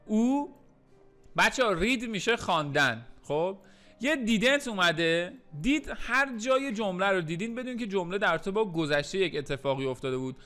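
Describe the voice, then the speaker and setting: A man teaching English in a recorded lesson, repeating English phrases slowly and then explaining them, with playful joking asides. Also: sits high, lively intonation, sharp tone. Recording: faint music underneath.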